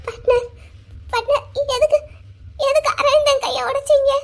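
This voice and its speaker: A curious little cartoon child, voiced by a woman, with a very high voice. The child keeps calling out and asking eager questions. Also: fairly even intonation, moderate pace. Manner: repeating calls and asking questions. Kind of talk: cartoon voice acting.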